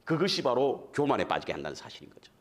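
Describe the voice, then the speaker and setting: Male guest preacher, revival sermon, lively pitch, conversational, questions to the congregation. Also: quick pace, a little hiss or hum. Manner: animated, addresses the congregation with frequent questions; conversational, self-deprecating asides.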